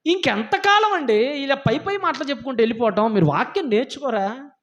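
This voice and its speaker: A man's voice: extremely high pitch, lively intonation, fast. A man preaching a sermon in a church, scolding his listeners with emphatic rhetorical questions. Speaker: pastor. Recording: dull lo-fi sound.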